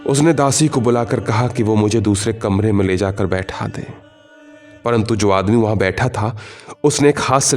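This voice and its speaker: A man narrating a literary short story in the first person, in a measured, literary reading with quiet emotional shifts. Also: fairly low pitch.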